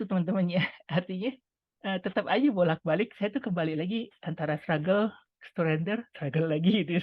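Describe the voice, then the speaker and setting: A woman's voice: fairly low pitch, dry recording. A middle-aged woman giving a chatty, conversational personal testimony, talking to her listeners like friends. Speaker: speaker sharing a testimony. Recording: tinny phone-like line, dry sound.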